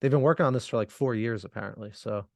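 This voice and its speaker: A man co-hosting a podcast, chatting in a relaxed, rambling way and laughing often. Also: medium pitch, fast, gravelly, no echo, clean studio sound. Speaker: podcast co-host. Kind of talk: casual chat.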